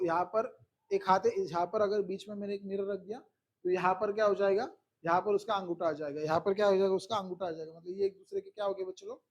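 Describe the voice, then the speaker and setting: A man's voice: high voice, lo-fi sound. A man teaching a physics class who keeps repeating questions to his students and coaxing them along.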